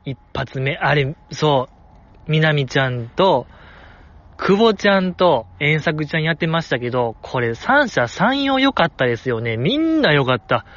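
Animated Kansai man talking outdoors. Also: on the high side, lo-fi sound. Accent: Kansai Japanese. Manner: animated, playful, acts out quoted lines. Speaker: host reviewing voice performances. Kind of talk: casual solo talk. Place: outdoors in the cold.

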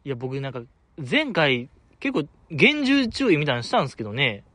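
A man's voice: fairly high pitch, wildly swooping pitch, brisk, pushed and bright, no room sound. A man with a Kansai accent hosting a casual solo talk show, reading listener messages in a chatty, self-deprecating way. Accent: Kansai Japanese. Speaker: radio show host reading listener mail.

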